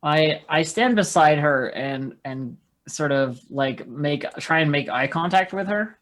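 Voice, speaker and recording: A player in a tabletop role-playing game, describing their character's moves in a halting, hesitant way. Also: mid-range voice, animated, a bit bright.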